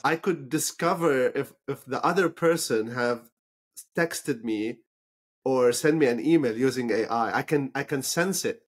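Husky and mid-range, this Lebanese man's voice keeps a measured pace. English isn't his first language, and as podcast host he conducts a conversational interview thoughtfully, with fillers and restarts along the way.

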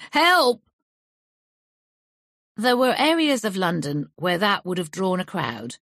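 A woman's voice: on the low side, vocal fry, dry recording, clean studio sound. A woman narrating a crime novel audiobook, shifting her voice lightly for the characters' lines. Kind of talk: scripted narration.

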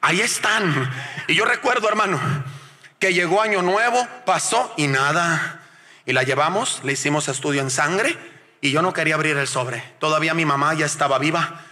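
A middle-aged man from Mexico, preaching a testimony sermon as a guest evangelist, calling his listeners "brother" again and again and moving between hushed storytelling and shouted exhortation. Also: fairly high pitch, moderate pace. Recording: long hall reverb.

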